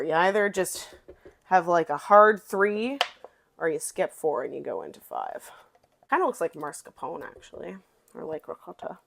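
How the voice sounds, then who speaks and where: A woman's voice: fairly low pitch, vocal fry, slight background noise. Chatty, playful young woman vlogger. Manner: chatty and playful, with rambling asides. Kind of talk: casual kitchen vlog narration.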